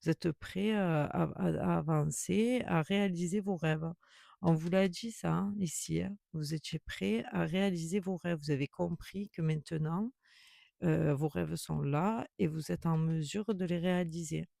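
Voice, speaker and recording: A man reads tarot cards for an unseen viewer, talking in a reassuring, repetitive way full of hesitations and restarts. His voice sits a little high for a man yet sounds dark and heavily gravelly. The recording is dry and close. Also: a little slow, no room sound. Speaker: tarot reader. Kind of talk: tarot reading addressed to a viewer.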